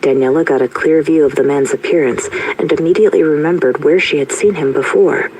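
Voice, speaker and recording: A man narrating an audio story in an even, steady way. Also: on the high side, fairly quick, a little hiss or hum, low-quality recording.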